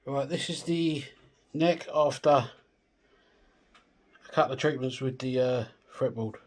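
A man casually walking through a guitar restoration and explaining each step in a relaxed, chatty way. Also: mid-range voice, measured pace. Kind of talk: casual workshop demonstration.

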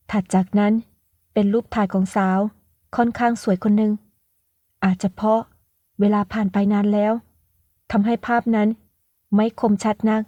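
A woman narrating an audiobook novel in a steady, measured storytelling voice. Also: mid-range voice, no echo, dull audio.

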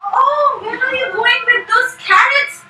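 A cunning spider from a trickster tale, played by a woman storyteller, pleads slyly in a very high, sharp voice. He takes his time and acts helpless to children's delight, in an echoey room at a distance from the mic. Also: measured pace, heavily acted. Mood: sly pleading. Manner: pleading, sly, feigning helplessness. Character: cunning male spider trickster wheedling passers-by.

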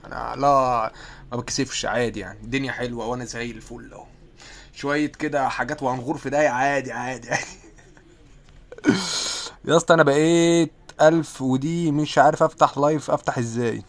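A man's voice: medium pitch, fairly even intonation, brisk. A young man with an Egyptian accent, chatting casually on a live stream while sick, reading viewer comments aloud and answering with self-mocking jokes. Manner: self-mocking, laughs often. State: sick, with occasional coughing.

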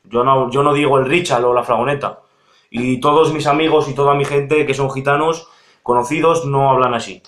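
A man's voice: medium pitch, fairly even intonation, moderate pace, a bit bright. A man, earnestly voicing a complaint in a casual video. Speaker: youtuber in the reacted video. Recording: echoey room.

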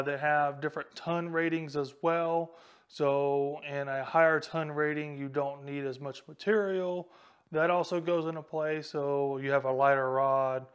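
Man, thirties, casual tutorial, smooth resonant tone, slightly high voice, lapel mic, small room. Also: dull audio. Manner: casual, talks straight to camera while handling rods. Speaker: fishing channel host. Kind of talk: instructional explainer. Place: small indoor room with a whiteboard and a tackle wall.

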